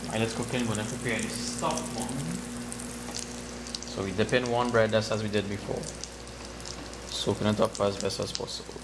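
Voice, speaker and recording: Trinidad guy walking through a recipe, lowish voice, echoey kitchen, loud frying in the back. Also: moderate pace, pauses often, very noisy. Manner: relaxed step-by-step explaining. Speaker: home cook. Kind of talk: cooking demonstration. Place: home kitchen. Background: frying sizzle.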